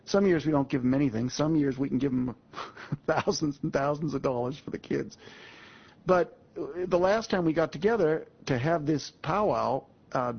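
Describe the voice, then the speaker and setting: Older man, very gravelly voice, husky, folksy storyteller, muffled lo-fi audio. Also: fairly high pitch, moderate pace. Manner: folksy and emphatic, addresses the audience directly. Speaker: guest speaker. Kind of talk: storytelling talk to an audience.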